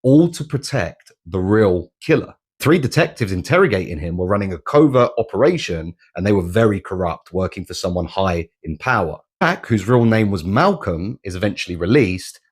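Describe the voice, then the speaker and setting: A man narrating a dark twist story in a suspenseful, dramatic manner. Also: deep voice, moderate pace, few pauses, slightly rough. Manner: suspenseful, swinging between hushed and excited.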